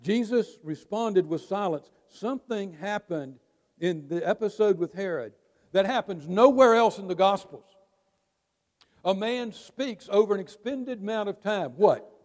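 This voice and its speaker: High-voiced preacher in an echoing hall. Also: male voice, lively intonation, darkish tone. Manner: emphatic preaching with dramatic pauses. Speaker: pastor. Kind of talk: sermon. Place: church sanctuary. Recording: long reverb of a large hall.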